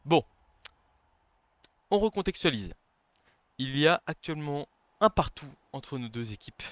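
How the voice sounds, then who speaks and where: A man narrating his own strategy game as he plays, swinging from low, muttered planning to loud bursts of excitement. His pitch leaps around wildly when a move lands or fails. He sounds like a player streaming for his viewers. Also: unhurried, dry recording. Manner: excitable, shouts on big plays, then murmurs tactics. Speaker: gaming commentator. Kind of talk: live game commentary.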